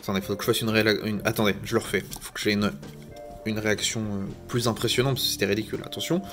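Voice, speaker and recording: A man's voice: on the low side, little pitch movement, quick pace, fairly bright tone, faint music behind. A man casually commenting while he opens trading card packs, joking at his own expense with rambling asides. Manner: jokey, chatty, wandering asides. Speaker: YouTuber opening Pokémon card packs. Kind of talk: casual self-mocking commentary to camera.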